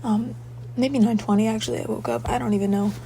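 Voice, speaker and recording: A young woman casually recounting a dream in a halting, searching way, her voice breathy and slipping toward a whisper. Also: mid-range voice, steady tone, mellow. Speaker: dream diarist.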